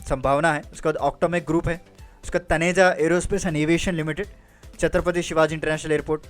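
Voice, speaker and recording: A career guidance presenter with a slightly high voice delivers a casual explainer talk over background music. He keeps it conversational, frequently checks in with his listeners, and slips in English phrases.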